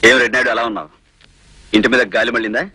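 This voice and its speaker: An actor playing a kind, friendly officer who warmly welcomes a guest. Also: male voice, mid-range voice, level tone, rapid-fire, close to an everyday voice. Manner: warm, hospitable, talkative. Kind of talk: Telugu film acting.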